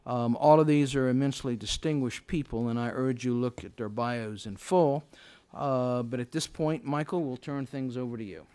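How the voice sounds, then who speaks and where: Clear-voiced man moderating, halting delivery. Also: mid-range voice, dark tone. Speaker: moderator introducing the speakers. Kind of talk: formal event introductions.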